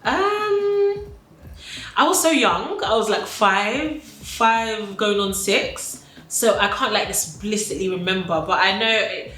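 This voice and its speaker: A woman's voice: mid-range voice, lively intonation, takes it slowly, a bit bright. A woman in her twenties answering documentary interview questions in a reflective, casual way with many fillers. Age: 20s. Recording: echoey room with faint noise.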